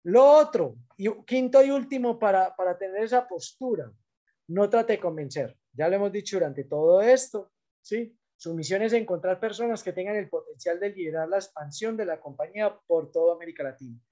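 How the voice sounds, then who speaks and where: A man's voice: sits high, a little fast, mellow, dull audio. A man giving a business training talk, coaching salespeople in an emphatic, direct way.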